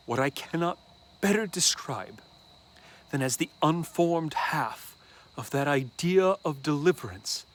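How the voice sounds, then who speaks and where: With a medium-pitched voice, a man reads a classic horror story aloud as dramatic first-person narration, taking it deliberately and leaving dramatic pauses.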